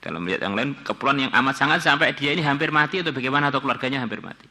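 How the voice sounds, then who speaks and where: A man giving a sermon, reading Arabic lines and translating them phrase by phrase, with sudden loud rises and quiet drops. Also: medium pitch, very fast. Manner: reads Arabic text then translates it phrase by phrase. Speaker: preacher. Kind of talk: afternoon religious study sermon.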